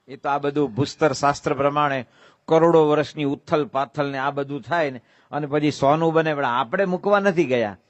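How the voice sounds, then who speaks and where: A man's voice: medium pitch, dry recording, muffled recording. A man with a Gujarati accent giving a devotional sermon, telling stories, asking rhetorical questions and breaking into sung verses. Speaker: preacher giving a religious discourse.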